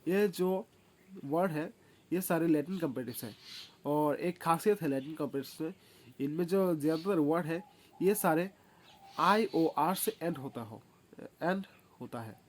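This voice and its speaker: A man explaining a grammar lesson in a casual way, pausing often with filler sounds and correcting himself, and reading the rules out slowly. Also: on the high side, slight background noise. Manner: hesitant, many filler sounds and self-corrections; reads English rules slowly and deliberately. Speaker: English teacher.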